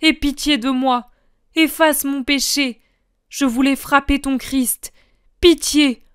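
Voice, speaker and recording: A woman's voice: a little high, steady tone, measured pace, darkish tone, clear, resonant tone, no room sound, clean studio sound, close to an everyday voice. A woman voicing a terrified, remorseful man begging for mercy, in a raised, pleading voice. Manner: pleading and frantic.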